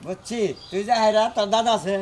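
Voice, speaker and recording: A rowdy man trading comic insults. His voice sits very high and runs quick. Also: steady tone, over a noisy crowd. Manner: mocking and rowdy. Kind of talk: comic village banter.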